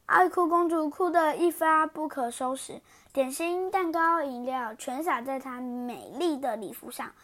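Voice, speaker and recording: A woman reading a children's picture book aloud in an expressive, animated way. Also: high-pitched, a little slow. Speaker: storyteller.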